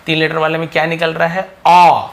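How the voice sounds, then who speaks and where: Man teaching phonics with drawn-out sounds. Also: on the high side, completely flat delivery, gravelly, bright, forceful tone. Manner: drawn-out phonics demonstrations, addresses viewers as sir-style students. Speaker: English teacher. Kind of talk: spoken lesson at a board.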